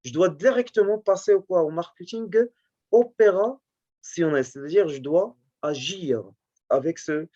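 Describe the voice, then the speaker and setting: A male teacher going over a test in class, speaking haltingly and often checking that his students follow. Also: fairly high pitch, warm tone, lo-fi sound. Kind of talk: classroom lesson correcting a test.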